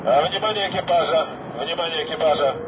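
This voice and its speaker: A man calmly giving repeated formal orders to the crew as a ship loudspeaker announcement, heard from aboard a ship in port. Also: fairly high pitch, fast talker. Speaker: ship's announcer. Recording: lo-fi loudspeaker with loud deck noise.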